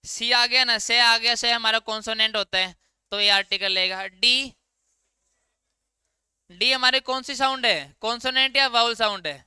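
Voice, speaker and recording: Speaking at normal speed with a steady tone and an extremely high pitch, a male English grammar teacher poses questions to his class and supplies the answers in a casual lecture style. His voice is very bright, crisp and clear, captured dry and close without room echo.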